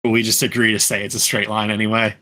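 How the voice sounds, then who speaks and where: A man with a lowish, level voice talks fast with a bright, forceful tone as a podcast panelist in a casual group chat. He rambles, corrects himself as he goes, and says "like" a lot. He is also a fan dub voice actor.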